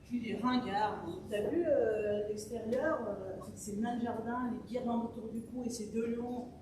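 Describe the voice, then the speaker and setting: A performer playing a sarcastic, grumbling grown son with mocking quips, in an amateur stage play. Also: female voice, fairly high pitch, normal speed, natural voice. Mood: sardonic. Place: theatre stage. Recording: echoey hall from far off, loud noise.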